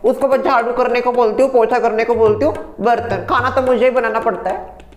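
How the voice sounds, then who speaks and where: A man's voice: extremely high pitch, fairly even intonation, a little fast, roomy sound, soft background music. A man playing a bragging housewife and daughter-in-law who chatters boastfully and repeats herself.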